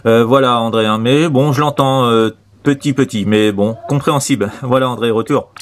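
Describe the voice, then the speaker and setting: A radio operator from France, speaking with a French accent in a mid-range voice at normal speed, makes casual contact chat that's hesitant, repetitive, and rambling, full of tag words.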